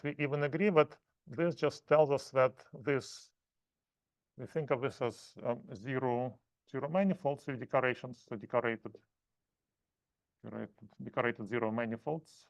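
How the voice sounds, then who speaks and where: A man giving a math seminar lecture, explaining in halting, self-correcting phrases. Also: medium pitch, dry recording.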